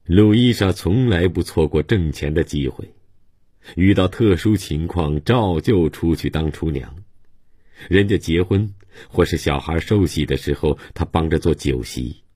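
A man reading a novel aloud in a calm, measured way. His voice sits very low and has a husky grain. The recording is dry and close, with no room sound. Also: no room sound. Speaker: audiobook narrator. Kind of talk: literary novel narration.

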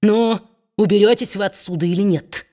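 A woman reading aloud, voicing a spiteful, domineering male dwarf who mocks and shouts at his wife. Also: medium pitch, moderate pace, lightly acted. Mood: sneering. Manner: sneering, bullying, shouting.

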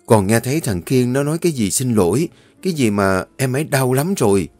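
A man voicing a worried, guilt-ridden middle-aged mother, speaking low and hushed. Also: expressive, fairly quick, no echo, close to an everyday voice. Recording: dry close voice, faint music.

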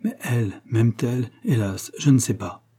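A man's voice: mid-range voice, moderate pace, dark tone, slightly rough. A man voicing an anxious young man in love. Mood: earnest.

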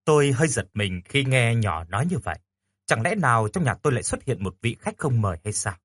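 A male storyteller narrates a first-person romance with an animated, bright delivery. His voice is husky and swings freely in pitch. It is recorded dry and close, with no room sound. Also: brisk, no echo. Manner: lively, stammering in dialogue.

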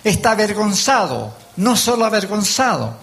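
A man's voice: high-pitched, very animated, normal speed, vocal fry, a bit bright. An older man with a Chilean accent preaching a sermon, telling folksy stories and acting out the voices in them. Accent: Chilean Spanish. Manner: folksy storytelling, acts out voices. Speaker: lay preacher.

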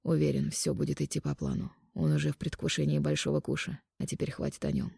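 A woman voicing a wealthy, confident man speaking softly and slowly to his lover, in an audiobook reading. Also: low-pitched, level tone, creaky, slightly rough, no echo, clean studio sound, pitched below the performer's own voice, full character voice. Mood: tender. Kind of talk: audiobook narration.

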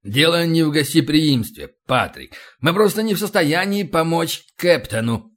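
A man's voice: on the high side, big pitch swings, normal speed, pitched above the performer's own voice. A man voicing an evasive, fawning male governor who mumbles apologetically in an audiobook. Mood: placating.

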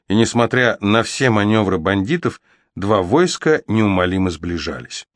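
A man narrating a fantasy novel as an audiobook, reading with steady, even storytelling. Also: on the low side, dry recording, clean studio sound.

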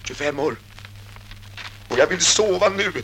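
Brief: actor as a despairing young war veteran, radio drama, bright gravelly voice. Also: male voice, a little high, lively intonation, slight background noise. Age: 20s. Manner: weary, hopeless, pleading. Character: weary despairing young male soldier back from war. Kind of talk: radio play acting.

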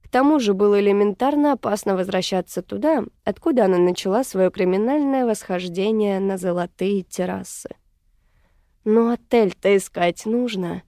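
Woman narrator, mellow dark tone, dry close sound, measured story reading. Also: mid-range voice, no room sound. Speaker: audiobook narrator. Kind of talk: scripted narration.

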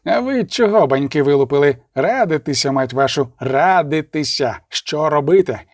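A man's voice: a little high, lively intonation, moderate pace, a little mellow, no room sound, clean studio sound. A man voicing a furious blustering duke. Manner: blustering, menacing. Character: furious proud male duke, commanding.

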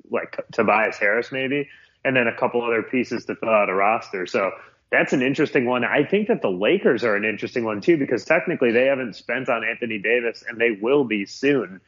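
Medium in pitch with a fairly bright tone, this sports podcast co-host talks betting casually, thinking out loud and often restarting. His makeshift setup, a small room in a new house with him under a blanket, gives a muffled, cave-like sound.

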